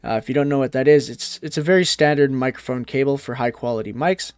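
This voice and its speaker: A man's voice: mid-range voice, quick pace, clean tone, no echo, studio quality. A man giving a casual product review on a condenser mic, rambling a little with fillers and restarts.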